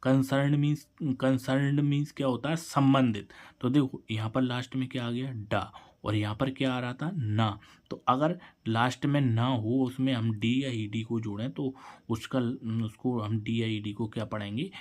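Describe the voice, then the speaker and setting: A man's voice: medium pitch, fairly even intonation, normal speed, a little mellow. A man teaching an English spelling lesson, asking a question and then answering it himself, and spelling words out letter by letter. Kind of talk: classroom-style spelling lesson.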